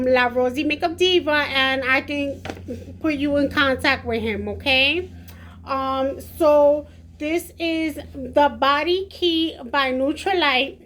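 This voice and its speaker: High, slow-talking woman vlogger. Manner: chatty, excited, addresses viewers directly. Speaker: beauty vlogger. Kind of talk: casual unboxing vlog.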